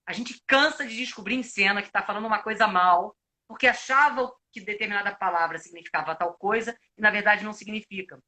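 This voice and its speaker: A man's voice: high-pitched, fast talker, sharp tone. A Brazilian man, an actor and coach, explains at length in a reflective way with frequent restarts, speaking on a live video call. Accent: Brazilian Portuguese. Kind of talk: live video chat, giving advice.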